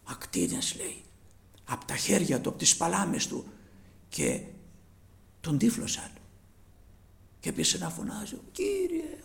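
A man preaching a sermon, moving from quiet storytelling to loud fervent peaks. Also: on the high side, very animated, vocal fry, long pauses. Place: church broadcast live.

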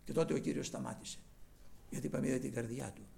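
A man preaching a sermon, moving between loud exclaimed passages and low, quiet asides. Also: fairly even intonation, vocal fry.

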